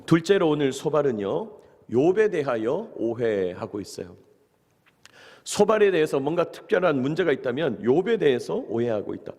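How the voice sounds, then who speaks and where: A man's voice: on the high side, a little mellow, long reverb tail. A male pastor preaching an earnest early-morning sermon, often turning to address the congregation directly. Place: church sanctuary.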